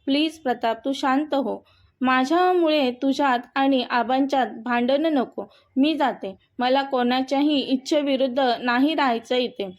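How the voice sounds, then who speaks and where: A woman voicing a gentle, devoted young wife, speaking softly and earnestly in a storybook. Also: high voice, moderate pace, natural voice. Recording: dull, muffled audio.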